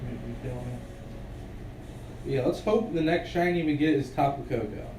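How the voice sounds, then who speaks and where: A young man with a sniffly, congested voice chats offhand to his stream while playing from a room at home. He speaks at medium pitch, unhurried, rambling and talking to himself; the room echoes, the mic is distant, and there's background noise.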